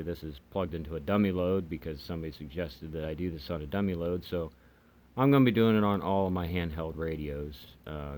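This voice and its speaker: Clear background noise accompanies a man casually demonstrating a radio for his hobbyist review channel. Unscripted, he talks in a hesitant, rambling manner, his voice low-pitched and darkish in tone.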